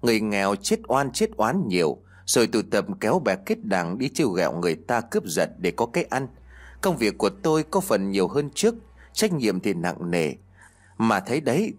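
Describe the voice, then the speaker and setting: A man voicing a weary earth god. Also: on the low side. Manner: sighing, complaining formally. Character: weary male earth god, burdened guardian spirit.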